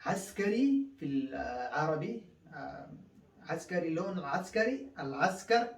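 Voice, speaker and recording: A man's voice: fairly high pitch, recorded from a distance. Man teaching in an echoey room. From Afghanistan. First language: Pashto. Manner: explains slowly, with many drawn-out fillers and repetitions. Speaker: language teacher. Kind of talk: casual spoken lesson.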